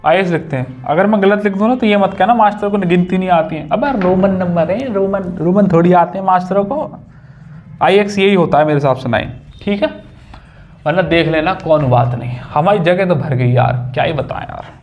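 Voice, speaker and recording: A man's voice: high-pitched, a little fast, a little mellow, soft background music. A young man teaching a maths lesson at a whiteboard, chatty and casual, joking with his students.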